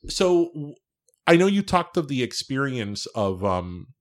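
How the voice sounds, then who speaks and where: A podcast host with a mid-pitched voice, chatting casually and reflectively. The host asks follow-up questions and laughs along with the guest. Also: big pitch swings, a little slow.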